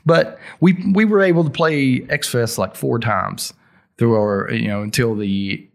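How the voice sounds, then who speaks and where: Middle aged guy, real thick deep south accent, just chatting in an interview, folksy way of talking. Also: measured pace, vocal fry. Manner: informal, folksy grammar. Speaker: interview guest, heavy metal singer. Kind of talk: casual interview storytelling.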